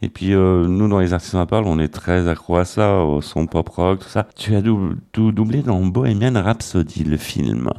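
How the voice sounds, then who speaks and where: A man hosting a talk show introduces and questions his guest with a very low voice. He hesitates often, filling gaps with fillers as he goes. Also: moderate pace, hardly any pauses, mellow, smooth. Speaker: show host. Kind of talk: interview hosting.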